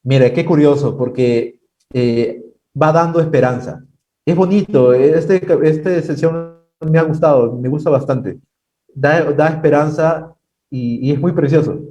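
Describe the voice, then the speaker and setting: A man's voice: measured pace, dark tone, far from the mic, muffled recording. A man preaching a sermon at a church prayer night, acting out quoted lines in voices. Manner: acts out dialogue with God in high mocking voices.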